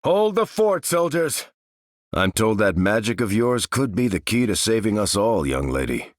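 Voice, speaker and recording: An actor with an American accent playing a noble, steadfast veteran super-soldier in a video game, speaking with earnest, measured authority. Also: male voice, on the low side, sing-song, no echo, studio quality. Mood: resolute. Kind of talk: video game character voice lines.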